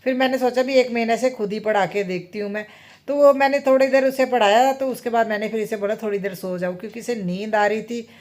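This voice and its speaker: A woman's voice: a little high, fairly even intonation, fast talker, a little mellow. A woman in her thirties chatting casually in a home vlog, rambling and often adding tag questions. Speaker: vlogger and mother.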